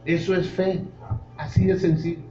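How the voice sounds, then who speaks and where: A man's voice: sits high, little pitch movement, normal speed, mellow. A man preaching a sermon as pastor, speaking with fervor and addressing the congregation directly. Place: church hall. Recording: roomy, dull church recording.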